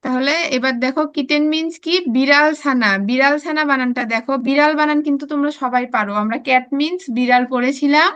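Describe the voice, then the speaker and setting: High-voiced Bangladeshi woman teaching preschoolers. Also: fairly even intonation, fairly bright tone, muffled recording. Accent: Bangladeshi Bengali. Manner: slow drilled spelling, coaxing children to repeat. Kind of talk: classroom lesson, spelling aloud.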